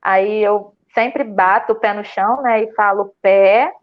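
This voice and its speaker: A woman with a Brazilian Portuguese accent telling her story in a casual interview, animated and full of fillers and restarts. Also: medium pitch, a little slow, lo-fi sound. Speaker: student telling her experience.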